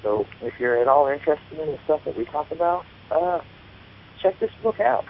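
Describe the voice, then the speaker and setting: A man's voice: on the high side, lively intonation, moderate pace, gravelly. Kentucky guy w/ appalachian twang talking tech on a radio show, tinny phone sound, bit of hiss. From Kentucky, United States. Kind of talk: casual tech discussion.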